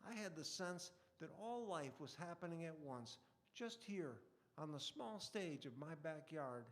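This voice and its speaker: Man, slightly high voice, wry reflective storytelling, read aloud. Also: vocal fry. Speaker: storyteller reading a personal essay.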